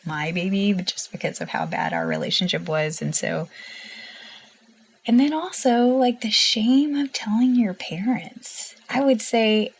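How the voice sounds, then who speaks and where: A woman's voice: medium pitch, big pitch swings, a little slow, husky. A woman guest in an interview, telling her story in an earnest, emotional way and laughing often. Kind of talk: candid personal interview.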